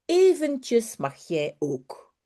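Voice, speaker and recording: A woman's voice: a little high, wildly swooping pitch, extremely slow, dark tone, pitched above the performer's own voice, heavily acted. A woman voicing a boastful, bossy little boy playing stationmaster in a children's story. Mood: stubborn. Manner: bossy, insistent.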